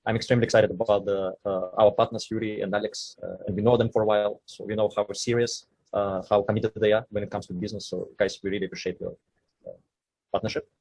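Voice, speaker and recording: A man's voice: lowish voice, little pitch movement, fast, gravelly, a little mellow, no room sound, poor audio. A man giving casual, emphatic remarks on a live broadcast, often repeating himself.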